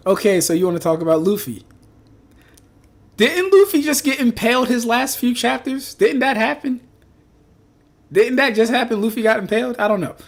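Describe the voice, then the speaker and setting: A young man with a high, lively voice hosts a live stream, answering chat with teasing banter. He repeats his punchlines in rhythmic riffs and laughs often. He sounds casual and playful throughout.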